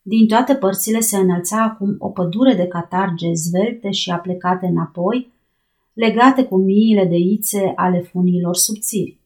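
A woman reads an adventure story aloud in a middle-pitched voice. She brings the dialogue to life and lifts her voice sharply for the shouted lines. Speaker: narrator. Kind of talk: audiobook reading with voiced dialogue.

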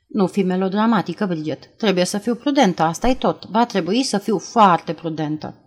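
A woman voicing a secretive, guarded young woman in an audiobook, speaking in a calm, measured way. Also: fairly low pitch, close to an everyday voice. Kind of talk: audiobook character reading.

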